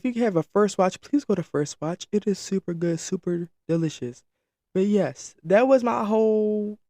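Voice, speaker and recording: A man in his late teens, hosting and chatting casually through a story time, animated and talking straight to his viewers. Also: high voice, dry recording, studio quality. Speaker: podcast host.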